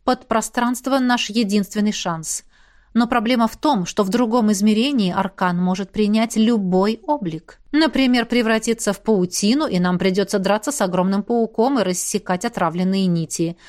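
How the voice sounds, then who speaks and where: A woman's voice: medium pitch, darkish tone, close to an everyday voice. A woman reading the lines of a stern, bossy female academy rector in an audiobook. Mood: explaining. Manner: brisk, commanding.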